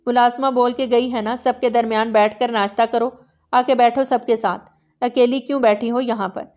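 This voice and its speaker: A woman's voice: fairly high pitch, fairly even intonation, darkish tone, natural voice. A woman voicing a harsh, domineering grandmother in her seventies or older who scolds sharply in a storybook reading. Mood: scolding.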